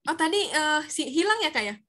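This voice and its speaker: A woman who voices for a living leads an online class for children in a bright, ringing tone. She speaks a little above the usual pitch, with a cheerful, encouraging manner. Her voice comes over a video call. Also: big pitch swings, fairly quick. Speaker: voice actor teaching a workshop.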